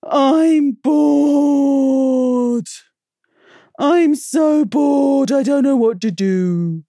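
A woman's voice: sits high, gravelly, dark tone, no room sound, clean studio sound, pitched above the performer's own voice, exaggerated voice. A woman putting on a whiny bored kid. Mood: whining. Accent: British English.

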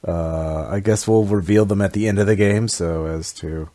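A man's voice: low voice, normal speed, mellow, no echo, studio quality. A man chatting casually as a player in a tabletop game, laughing often.

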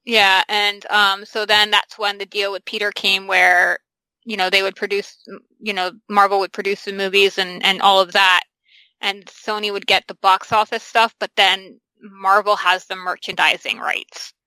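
A woman's voice: mid-range voice, flat delivery, moderate pace, sharp tone, clear, resonant tone, no room sound, low-quality recording. A woman in her thirties chatting casually as a podcast co-host, rambling through stories with plenty of fillers. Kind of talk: casual chat about comic films.

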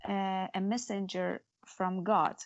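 Through a muffled recording, a guest author talks earnestly and slowly about faith and her stories, her mid-range voice level in tone. English is her second language, and she often restarts and uses fillers.

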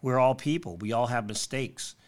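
A man's voice: medium pitch, normal speed. A man hosting a motivational podcast, speaking directly to the listener in an upbeat, encouraging way and laying out tidy advice.

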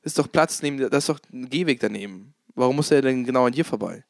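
A man's voice: medium pitch, lively intonation, quick pace, vocal fry, no echo, studio quality. A man co-hosting a podcast in casual banter, rambling and repeating himself. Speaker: podcast co-host.

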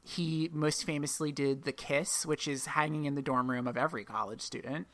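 Low-voiced woman hosting a podcast. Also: fairly even intonation, normal speed. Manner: rambling, self-correcting storytelling. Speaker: podcast host. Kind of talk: casual podcast chat.

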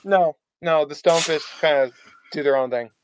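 A man's voice: a little high, moderate pace, slight background noise, rough recording. A man playing a tabletop game, improvising casually in character in a rambling, self-promoting way.

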